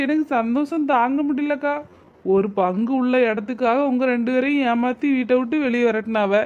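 A woman voicing an excitable cartoon neighbour. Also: sits high. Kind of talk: cartoon voice acting. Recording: dull lo-fi sound.

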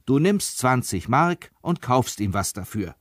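A man's voice: mid-range voice, big pitch swings, a little slow, no echo, studio quality. A male reader voicing a weary, blunt woman who is out of work, in a read-aloud story. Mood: curt.

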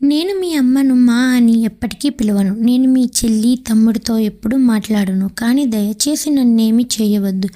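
A woman's voice: a little high, normal speed, few pauses, warm tone, close to an everyday voice. A woman reading the part of a frightened young wife who begs tearfully for forgiveness. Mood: pleading. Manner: begging, tearful. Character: terrified young wife, pleading and sobbing.

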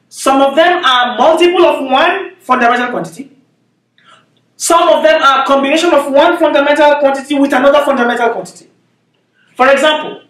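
Standing at the whiteboard in an indoor classroom, this Nigerian-accented man in his thirties teaches physics one step at a time, checking in frequently with "okay?". He sounds very high-pitched and fairly bright. The recording comes from a far camera, so his voice is distant and echoes around the room.

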